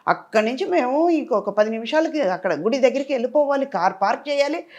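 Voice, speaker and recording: Older woman interviewee, tired, expressive and devout. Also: sits high, fast, muffled recording. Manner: expressive, devotional, sings softly at times. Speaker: actress interviewee. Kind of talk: casual interview chat.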